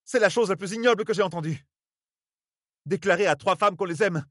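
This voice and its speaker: A man voicing a prim, easily scandalized older woman in an audiobook, with a shrill, indignant delivery. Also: brisk, no room sound, studio quality, natural voice. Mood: outraged.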